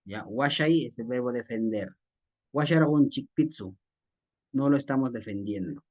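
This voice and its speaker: A man with a Peruvian Spanish accent teaching a class, explaining a text slowly and checking in with his students. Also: mid-range voice, lively intonation. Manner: slow, repetitive teacher talk with frequent tag questions.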